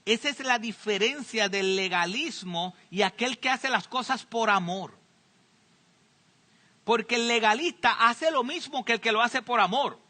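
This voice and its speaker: A man's voice: very high-pitched, pushed and bright. A man preaching a sermon as pastor, speaking earnestly to his congregation and repeating key phrases for emphasis.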